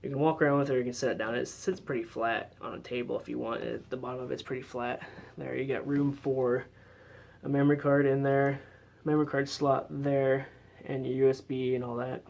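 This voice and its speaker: A man's voice: medium pitch, little pitch movement, a little fast, creaky, a little mellow, dull audio. A man giving a casual how-to demonstration as a paranormal investigator, explaining in a loose, chatty way with lots of fillers.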